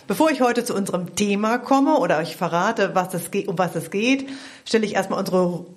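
A woman's voice: mid-range voice, fairly quick. A woman hosting a local podcast, talking casually. She chats freely with her guests, laughs easily and often rephrases mid-sentence. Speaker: podcast host.

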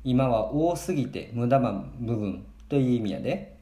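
A man's voice: mid-range voice, expressive, moderate pace, mellow. A man with a Kansai accent hosting a podcast lesson on his dialect, switching between Japanese and careful, non-native English explanations. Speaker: podcast host and dialect teacher. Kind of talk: bilingual language lesson podcast. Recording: roomy echo.

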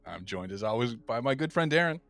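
A man hosting a podcast in casual chat, laughing often and talking in an animated way. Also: mid-range voice, fairly quick, no echo, soft background music. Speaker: podcast host.

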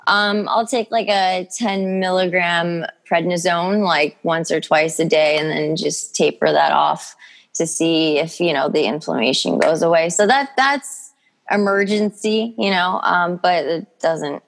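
A woman's voice: fairly low pitch, unhurried, creaky. A young adult woman speaking as an interview guest in a casual, personal, informal way, with plenty of conversational filler. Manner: informal, peppers speech with "you know" and "like". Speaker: podcast guest telling her health story.

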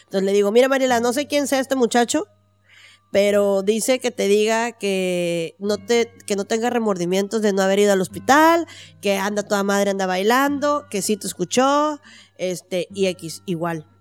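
A woman's voice: medium pitch, moderate pace, clear, resonant tone, no echo, soft background music. A woman with a Mexican accent telling a personal story in casual chat, acting out the voices she quotes and using slang.

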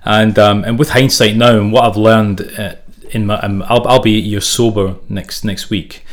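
A middle-aged man from South Africa and Zimbabwe, speaking as an interview guest in a halting way with many restarts and repeated words. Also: on the low side, fairly even intonation. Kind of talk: candid interview talk.

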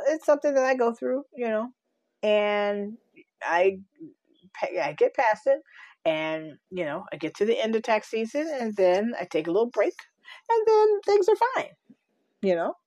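A woman's voice: a little high, animated, normal speed, darkish tone, no room sound. A tired middle-aged woman venting in a casual personal vlog, rambling with sighs and laughs. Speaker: vlogger.

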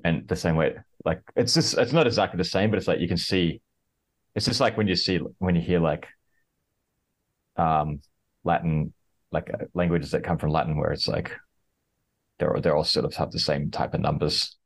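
A man with a low voice talks casually and hesitantly as a podcast guest, filling his speech with "like" and restarting often. His intonation stays fairly even, his speed is normal, and he leaves long pauses in this relaxed interview chat.

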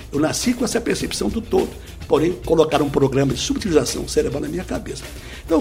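Male teacher guest, bit high, very lively delivery, didactic, faint music behind. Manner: lively, didactic, full of examples. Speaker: speed-reading teacher, guest. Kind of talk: explanatory interview answers.

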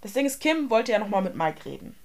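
A woman co-hosting a casual podcast. She talks in a chatty, slangy way and pushes hard on her opinions. Her voice sits at a medium pitch. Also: big pitch swings, fast talker. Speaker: podcast co-host. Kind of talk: casual gossip chat.

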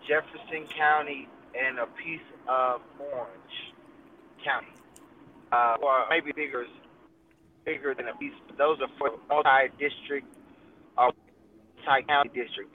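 A man's voice: mid-range voice, fairly even intonation, a little slow, slight background noise. A man calling in as a guest on a car speakerphone while driving, talking conversationally with frequent 'uh' fillers and restarts. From Texas. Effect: car speakerphone call while driving. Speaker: guest, congressional candidate. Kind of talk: casual live interview. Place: moving car. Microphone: phone speakerphone. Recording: tinny phone line from a car.

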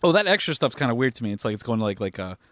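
A man's voice: mid-range voice, big pitch swings, fairly bright tone, no echo. A tired young man co-hosting a podcast, ranting in casual chat with lots of swearing and fillers. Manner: profane, rapid rants with frequent fillers. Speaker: podcast co-host.

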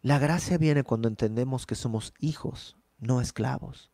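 A man's voice: mid-range voice, normal speed, warm tone, no echo. A man preaching a conversational sermon, explaining Bible verses with rhetorical questions and everyday examples.

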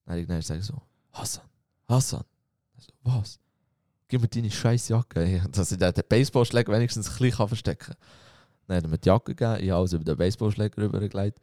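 Guy telling a story to friends, low mellow voice, acts out the voices, dry room. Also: quick pace, no echo. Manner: animated storytelling, acting out quoted voices. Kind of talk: casual anecdote.

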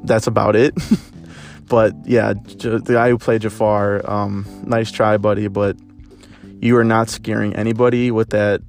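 A man's voice: fairly low pitch, level tone, measured pace, a little mellow, faint music behind. A young man giving a casual spoken film review, hesitant, with lots of filler words and restarts. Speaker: movie reviewer.

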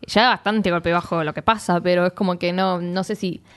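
A woman's voice: fairly low pitch, fairly even intonation, a little fast, smooth. A woman with an Argentine accent in casual chat, blunt and swearing freely. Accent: Argentine Spanish.

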